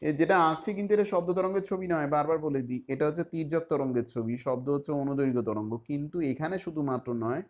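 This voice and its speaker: A man's voice: medium pitch, darkish tone. A male school teacher with a West Bengal Bengali accent who teaches physics step by step. He asks his own questions and answers them. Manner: explains step by step with everyday examples. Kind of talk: recorded classroom lesson.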